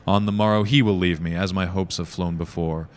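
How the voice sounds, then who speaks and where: A man's voice: sits low, fairly even intonation, brisk, a little hiss or hum. A man giving a dramatic poetry reading with the hammy, declamatory delivery of a stage actor.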